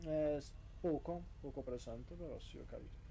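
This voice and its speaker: A man's voice: fairly high pitch, moderate pace, vocal fry, warm tone, a little hiss or hum. A man in casual, slangy gaming chat, playing along as a garage mechanic. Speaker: mechanic in an online role-play garage.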